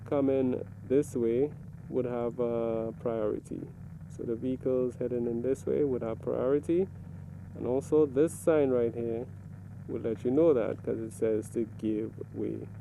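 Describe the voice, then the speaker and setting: A man giving a casual, step-by-step video commentary, explaining things deliberately and pausing mid-sentence. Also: medium pitch, vocal fry, warm tone, slight background noise, rough recording. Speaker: motovlogger reviewing own ride footage.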